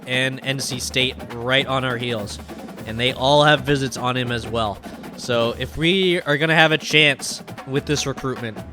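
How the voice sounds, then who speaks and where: A young man with a stuffy, nasal voice from a cold, giving casual commentary as he plays a football video game. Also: medium pitch. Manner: chatty, excited during play. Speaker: gaming YouTuber.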